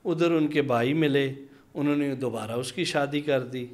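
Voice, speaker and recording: A man, sitting as an interview guest and telling a long personal story. He speaks at a mid pitch, with thoughtful pauses, and slips into other people's voices when he quotes them. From Pakistan. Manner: long anecdotes with acted-out dialogue and hesitant pauses. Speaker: interview guest, minority community leader. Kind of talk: conversational storytelling.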